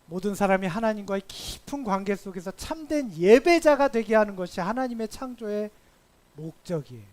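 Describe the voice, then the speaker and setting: A man preaching a sermon as pastor at a church service, telling stories with lively acted dialogue and emphatic swells. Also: sits high, normal speed.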